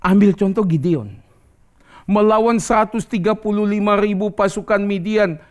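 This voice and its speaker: Lively preaching man, animated. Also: normal speed, smooth. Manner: conversational preaching, lively jumps in pitch, acts out quoted dialogue. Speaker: pastor. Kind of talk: sermon.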